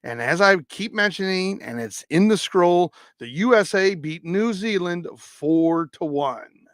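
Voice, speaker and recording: A man hosting a live-stream sports results roundup, reading scores haltingly and stumbling over foreign names. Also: sits high, lively intonation, a bit bright, dry recording, studio quality.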